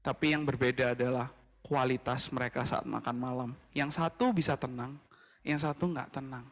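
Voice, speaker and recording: A man's voice: medium pitch, fairly even intonation, moderate pace, in a large hall. A man giving a casual youth sermon, chatty and sprinkled with English phrases. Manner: casual, mixing in English phrases, addressing "guys". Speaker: youth pastor. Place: church livestream.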